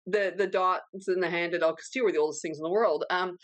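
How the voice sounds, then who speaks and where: Woman, 30s, podcast co-host, casual chat, rapid animated talker, mid pitch, dry close recording. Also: no room sound. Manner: fast, animated, self-described freight-train talker.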